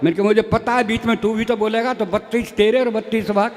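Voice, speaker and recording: Man, high-pitched, folksy comic storyteller, live stage, long reverb. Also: flat delivery, fast, a little hiss or hum. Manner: folksy, plays many characters in dialogue. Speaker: stage comedy poet.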